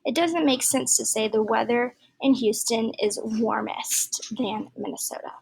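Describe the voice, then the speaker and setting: A woman teacher walks through a grammar lesson at an unhurried pace. Her voice sits a little high, and she explains patiently, with soft asides and small fillers. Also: vocal fry, slightly rough, low-quality recording. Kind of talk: recorded online grammar lesson.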